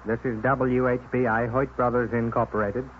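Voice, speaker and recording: A man giving a station sign-off on an old 1930s radio show, speaking in an even, formal way at a mid pitch. The sound is thin and tinny, like a vintage broadcast, with a faint hiss beneath it. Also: moderate pace.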